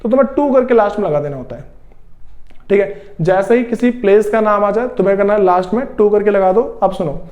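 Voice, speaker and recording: High-voiced man teaching English grammar. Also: a little mellow. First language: Hindi. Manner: explains slowly, repeats steps, often says "theek hai" and clears his throat. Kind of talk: spoken grammar lesson.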